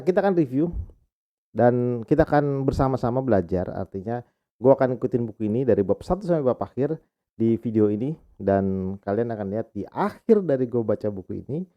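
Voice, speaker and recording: Casual young male vlogger, lower voice, chatty and slangy, slowly sounds out syllables; muffled home recording. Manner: casual slangy talk, addressing viewers as guys. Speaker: vlogger reviewing a language book. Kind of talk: casual vlog chat. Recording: dull lo-fi sound.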